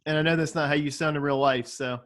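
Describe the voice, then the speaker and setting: A man's voice: on the high side, steady tone, fast talker, very noisy. A man facilitating a casual video call discussion, friendly and inviting others to speak. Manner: friendly, hands the floor to others.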